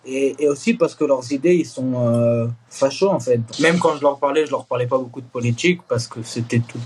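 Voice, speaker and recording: A young man born in East Jerusalem, speaking in a candid interview, earnest and halting with frequent restarts and fillers. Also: mid-range voice, darkish tone, breathy edge. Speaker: Israeli reservist interviewee.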